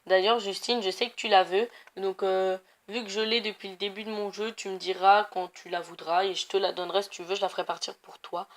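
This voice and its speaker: Hardly pausing, a young gaming YouTuber of Portuguese family background talks fairly quickly in a steady, mid-range voice. Her casual gameplay commentary rambles along with many fillers and self-corrections as she plays.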